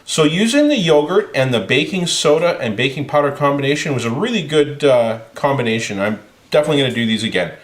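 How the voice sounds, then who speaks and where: A man leading a home cooking demonstration, calmly explaining each step to a child in a kitchen. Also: mid-range voice, fast talker. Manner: calm, explaining steps to a child. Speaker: home cook. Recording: roomy kitchen echo.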